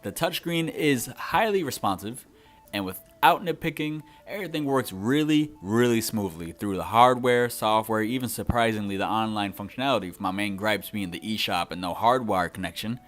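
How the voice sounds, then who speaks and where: A man's voice: on the low side, normal speed, fairly bright tone. A young man giving a scripted but conversational video game review as its host.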